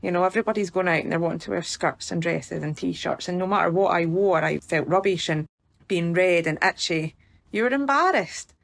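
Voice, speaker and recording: Creaky-voiced young Scottish woman. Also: lowish voice, a little fast. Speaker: patient guest. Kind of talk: informal personal storytelling.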